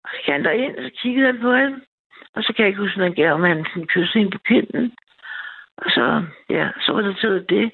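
A woman's voice: mid-range voice, animated, creaky, husky. A woman calling in to a night radio show, telling a personal story in a rambling, eager way with many restarts. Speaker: caller. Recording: tinny phone line.

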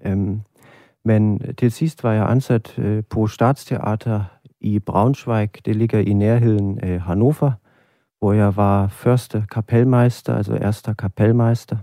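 A man from Germany with a German accent, an interview guest who works as a conductor, speaking in a measured way with fillers. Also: fairly low pitch, steady tone, dark tone, no echo, studio quality. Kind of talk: casual interview chat.

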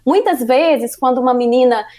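A woman's voice: sits high, moderate pace, warm tone. A woman with a Brazilian Portuguese accent, answering as a guest in an interview. She explains earnestly and often adds a questioning tag. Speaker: guest, workplace parenthood consultant.

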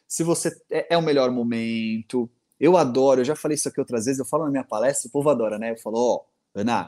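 Guy chatting parenting tips on a podcast, husky mellow voice, jumps around a lot in pitch. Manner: animated, acts out quoted voices in anecdotes. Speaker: podcast co-host giving parenting advice. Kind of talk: casual advice chat.

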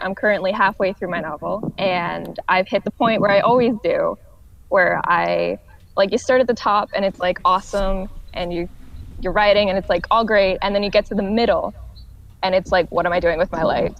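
A young woman talks casually, with a halting delivery. Her voice sits at a middling pitch. The recording is echoey and dull, like a livestream call. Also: fairly even intonation, gravelly. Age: young adult. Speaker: guest, art student. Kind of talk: casual chat.

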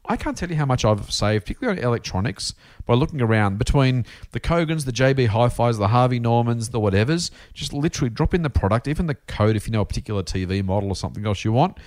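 A man's voice: medium pitch, expressive, fast, a little mellow. An Australian man hosting a podcast in an informal, chatty, blokey and jokey style. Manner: jokey, blokey, addresses co-host as mate. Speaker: podcast host. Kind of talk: chatty, informal personal finance podcast talk.

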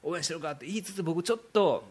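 A man with a Kansai accent, hosting a podcast in casual talk, animated and quick to laugh while he quotes others. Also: on the high side, husky. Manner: animated storytelling, laughing often, quoting others. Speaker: podcast host.

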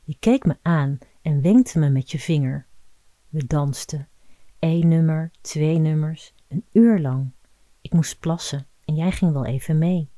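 A woman narrates a scripted story in a low, mellow voice. Her delivery is calm and even, close and intimate. The sound is dry and close, with no room around it. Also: measured pace, no echo. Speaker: podcast narrator.

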